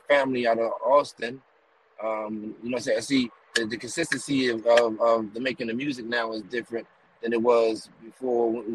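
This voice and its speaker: Guy from the east coast rambling on about the music game, flat level voice, lots of you know what i mean, talking from a car. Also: medium pitch, rough recording. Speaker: guest, rapper and music promoter. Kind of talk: casual interview. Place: riding in a car on the highway.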